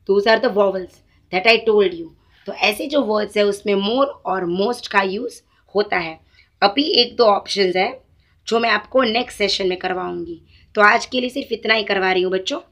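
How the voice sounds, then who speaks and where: A woman teacher walks young pupils through a grammar lesson at an unhurried pace. She mixes Hindi and English and stretches out each example word so the children can follow. Her pitch sits in an ordinary middle range. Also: a bit bright. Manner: slow, deliberate, mixes Hindi and English, drawn-out example words.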